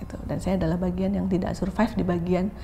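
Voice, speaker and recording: A woman's voice: fairly low pitch, flat delivery, quick pace, mellow, slight background noise. A woman, a pastor telling her own story openly in an interview, often dropping English phrases into her talk. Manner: open, reflective, switches into English phrases. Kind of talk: candid interview testimony.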